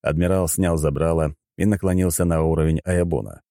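Deep-voiced male audiobook narrator. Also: fairly quick, no room sound, studio quality. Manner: steady storytelling. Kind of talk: first-person audiobook narration.

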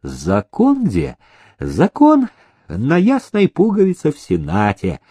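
A man's voice: mid-range voice, very animated, unhurried, dark tone. A man voicing a smug government clerk who talks in a sweet, drawling, mocking way. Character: smug, sugary old male government clerk.

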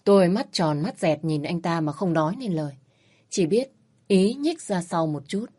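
A woman narrating a first-person story in a steady, reflective reading voice. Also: lowish voice, moderate pace.

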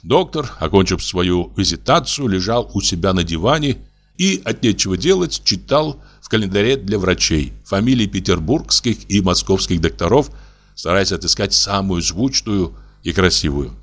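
A man narrating a classic story as an audiobook, with expressive, varied intonation. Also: sits low, normal speed.

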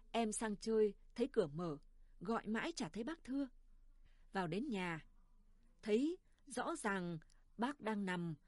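A woman's voice: mid-range voice, a little mellow, no echo. A woman voicing a chatty younger village neighbor who fusses over an older woman.

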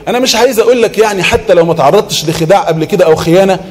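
A man with an Egyptian accent preaching an Islamic sermon, asking rhetorical questions, answering them himself and reciting verses in a measured tone. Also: sits high. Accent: Egyptian Arabic. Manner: quotes Quranic verses in a measured chanting tone; swings between loud emphasis and soft murmured reassurance.

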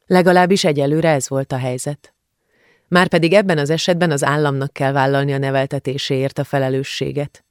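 A woman narrating an audiobook in a calm, measured scripted reading. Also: deep voice, smooth, no room sound, clean studio sound.

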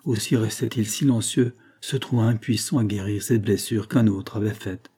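A man narrating a classic novel aloud in a steady, measured reading. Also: fairly low pitch, slightly rough. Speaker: audiobook narrator. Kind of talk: scripted narration.

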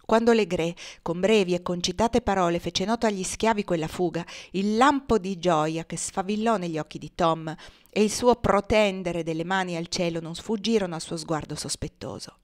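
A woman from Italy reading a classic novel aloud in a measured, expressive storytelling voice. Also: on the low side. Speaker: reader.

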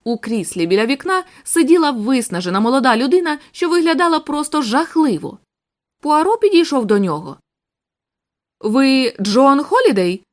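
Woman narrator, audiobook reading, expressive, high voice, lively pitch range. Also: brisk. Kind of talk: scripted narration.

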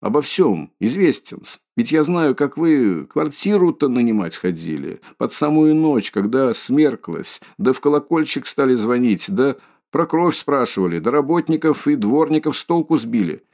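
A man's voice: medium pitch, big pitch swings, moderate pace, a little mellow. A man voicing a sly, fussy middle-aged male police investigator who wheedles and fawns, in an audiobook reading. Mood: insinuating. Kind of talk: audiobook character voice.

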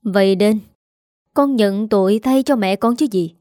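A woman's voice: medium pitch, a little slow, warm tone, no echo, close to an everyday voice. Stern storybook father, older, curt and scolding, read by a woman, dry sound.

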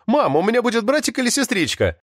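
A man's voice: mid-range voice, very animated, fairly quick, no room sound, clean studio sound, close to an everyday voice. A man reading an audiobook, voicing a blunt, sardonic teenage boy.

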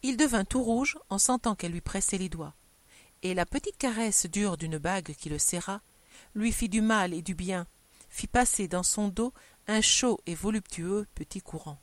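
Woman narrator, audiobook reading, mid pitch, measured, dry close mic. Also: no room sound. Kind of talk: audiobook reading of a short story.

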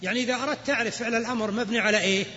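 A man's voice: very high voice, steady tone, racing, sharp tone. A man teaching grammar as a classroom lecture, explaining rules and then quizzing his students. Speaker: Islamic scholar teaching grammar. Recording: lo-fi recording with long hall reverb.

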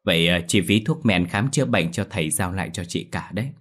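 A man's voice: low voice, animated, a little fast. A man voicing a grumbling, tight-fisted younger son, in a spoken story. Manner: scoffing.

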